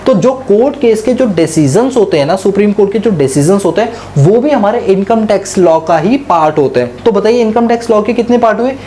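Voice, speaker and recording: A man teaching a tax lecture who asks his class questions and answers them himself. He mixes English terms into his Hindi and slows down to read quoted passages. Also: sits high, expressive, warm tone, a little hiss or hum. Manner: reads quotes slowly and deliberately.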